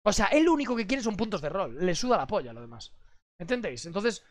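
A young man from streaming casually, crude and animated, swearing constantly as he talks to his chat. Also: high-pitched, fast.

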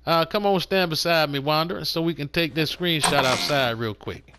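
A man's voice: fairly high pitch, normal speed, background noise. An older man hosting a gaming channel, giving casual, slangy commentary as he plays and talking to his viewers like family. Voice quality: slangy and laid-back, calls viewers fam.

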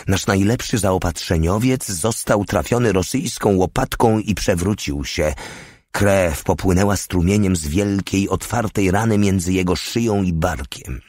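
Brief: male audiobook narrator, very low voice, dry close-mic sound. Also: a little mellow, no echo.

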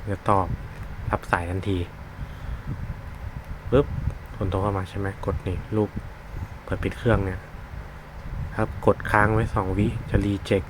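Demonstrating a gadget as a product reviewer, a man talks through each step off the cuff, frequently pausing while he searches for words. His voice is fairly low and his tone steady. Vehicle sounds and other clear noise are audible behind him.

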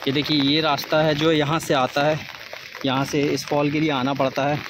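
A man's voice: on the high side, level tone. Man vlogging beside a roaring waterfall. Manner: chatty, pointing things out to viewers. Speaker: travel vlogger. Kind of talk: casual walking tour narration. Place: outdoors at a rainy waterfall. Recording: loud outdoor water noise. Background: loud rushing water.

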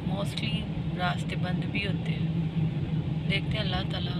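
A woman narrating a casual travel vlog, talking straight to her viewers from a car and then outside by a rainy marina. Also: fairly low pitch. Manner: chatty, addresses viewers directly. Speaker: vlogger. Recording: loud road and rain noise.

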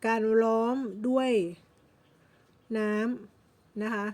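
A woman's voice: on the high side, little pitch movement, extremely slow, a little mellow. A Thai-accented woman teaching English vocabulary, patiently explaining words and repeating each English term several times. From Thailand. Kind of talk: slow vocabulary lesson.

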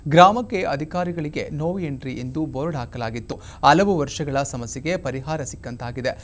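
A man with a Kannada accent delivers a local news voice-over in a steady, formal way. His voice sits a little high for a man. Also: moderate pace. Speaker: news reporter.

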